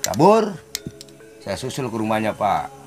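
A man's voice: fairly quick, soft background music. A man casually telling of his past, his voice jumping up at the tense parts. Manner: animated, pitch jumps up when telling the fight. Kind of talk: casual storytelling.

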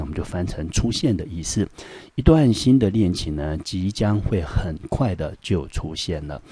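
A male high school English teacher from Taiwan explains English grammar in Mandarin, step by step, often asking rhetorical questions. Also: warm tone, breathy edge, no echo. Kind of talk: classroom grammar lesson.

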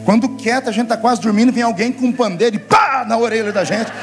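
A simple, earnest country man with a Minas Gerais accent, played by a preacher tells his tale in a drawl. His voice sits high. Music plays softly behind. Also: quick pace.

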